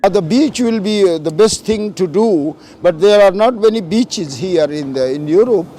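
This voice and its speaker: A man from Pakistan answers a street interview haltingly. His voice sits high yet sounds mellow and dark-toned. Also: expressive, faint music behind. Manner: halting, hesitant.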